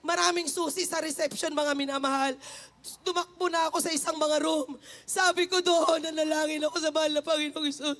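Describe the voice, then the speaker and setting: A woman gives an emotional testimony in church, speaking fervently and returning again and again to a tender phrase for her listeners. Her voice is high and bright, and she holds it to a fairly narrow, steady melody. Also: fairly quick. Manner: fervent, repeats a refrain of endearment to the congregation. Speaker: church member giving testimony.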